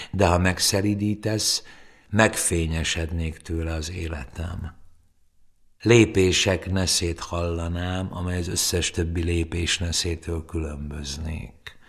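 A lonely, gentle fox speaks in a deep, gravelly voice, as a man reads him aloud. The delivery is slow and musing, explaining patiently in a storybook reading. The tone stays husky throughout. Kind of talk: audiobook reading.

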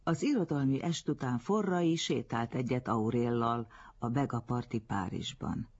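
Gravelly, husky male storyteller. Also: mid-range voice. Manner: expressive storytelling reading. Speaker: narrator. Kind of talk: literary audiobook narration. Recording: dull lo-fi recording.

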